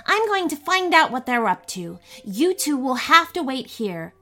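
Lady doing a squeaky brave little elf girl, all excited, soft music behind. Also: a little slow, heavily acted. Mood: earnest. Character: brave, eager young female junior elf.

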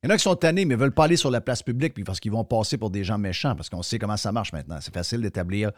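A man with a Québécois French accent hosts a radio show, delivering an opinionated talk radio monologue and sponsor reads in a colloquial, emphatic style aimed straight at listeners. His fairly low voice has lively intonation and moves very fast, with studio-quality sound and no room echo.

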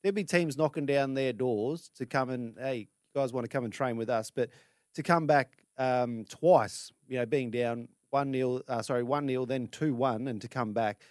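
An Australian man co-hosting sports radio, giving casual opinions in a halting way, repeating words as he goes. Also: medium pitch, a little mellow, dry recording, studio quality. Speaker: radio sports show co-host. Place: dry radio studio.

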